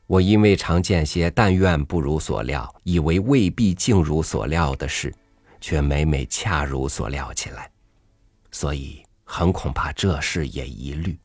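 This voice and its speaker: Very deep-voiced man reading a story. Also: dry recording. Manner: measured, reflective reading. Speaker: narrator. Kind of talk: literary audiobook narration.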